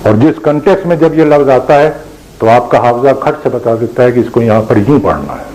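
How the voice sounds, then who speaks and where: Older male lecturer, mellow tone, measured questioning delivery, faint noise behind. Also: mid-range voice, animated, poor audio. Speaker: former college principal and teacher. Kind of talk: lecture with anecdotes.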